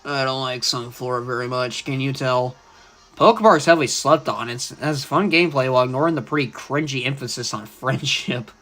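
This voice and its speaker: A man's voice: mid-range voice, brisk, sharp tone. A young man chatting casually and opinionatedly while livestreaming a video game. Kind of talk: live gameplay commentary.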